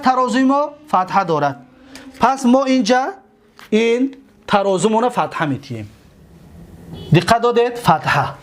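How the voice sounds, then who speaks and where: Tajik-accented male teacher, lively melodic delivery, stretches out example words. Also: very high voice, slight background noise. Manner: slow, drawn-out on example words; questions the listeners and answers himself. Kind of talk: grammar lesson.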